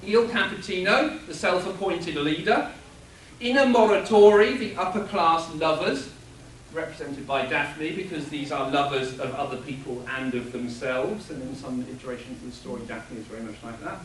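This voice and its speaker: A man giving an animated, explanatory panel talk at a convention, chuckling now and then. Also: on the high side, moderate pace, slight background noise. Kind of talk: lecture-style panel talk. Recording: echoey room from a distance.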